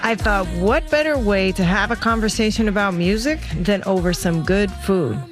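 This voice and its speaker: A woman's voice: mid-range voice, normal speed, over music. A woman in her thirties narrating a documentary as host, in a reflective, earnest storytelling way. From United States.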